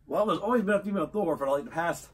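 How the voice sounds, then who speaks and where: Hoarse, husky man co-host. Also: high voice, fast, distant mic. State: hoarse from a long illness. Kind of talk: casual podcast chat.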